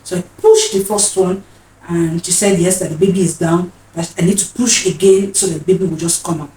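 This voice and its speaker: A woman vlogger in her 30s tells a personal story earnestly and emotionally, often repeating phrases, in a fairly low, mellow voice with a steady tone and a fairly quick pace. The recording sounds roomy, with a distant mic and faint noise.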